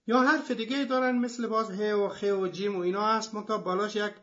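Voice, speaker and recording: A man's voice: sits high, steady tone, fairly bright tone. A man hosting a language programme, giving an explanatory lecture in a methodical way with many examples. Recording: dull lo-fi recording.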